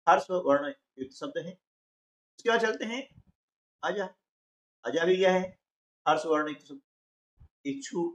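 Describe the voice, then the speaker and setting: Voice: mid-range voice, reverberant. A teacher talking through a workbook lesson one step at a time, asking questions and answering them, and often checking in with short tags. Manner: slow, explains step by step, asks and answers its own questions; often adds "है ना" and "ठीक है". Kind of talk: classroom lesson walkthrough.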